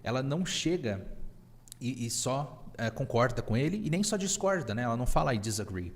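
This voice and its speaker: An animated, medium-pitched male voice, a little fast and followed by a long reverb tail, belongs to an English teacher and podcast host with a Brazilian Portuguese accent. He hosts a live online lesson in an upbeat, teacherly style, mixing English phrases into his explanations.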